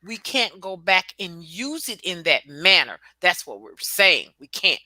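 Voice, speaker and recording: Emphatic low-pitched woman, bright tone. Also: big pitch swings, measured pace, dry recording. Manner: emphatic, blunt, with swearing and repetition. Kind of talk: casual discussion.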